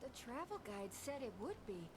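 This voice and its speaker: A woman's voice: on the high side, very animated, moderate pace, noisy background. Folksy Midwestern tourist lady. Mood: friendly. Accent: Midwestern American. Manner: friendly, folksy, calls people hun. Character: chatty middle-aged female Midwestern tourist.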